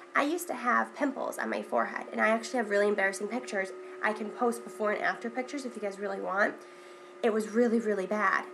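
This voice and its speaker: Stuffy with a cold, a young woman talks casually through makeup as a beauty vlogger, repeating words and saying um a lot. Her voice is highish, creaky and a bit bright, with slight background noise.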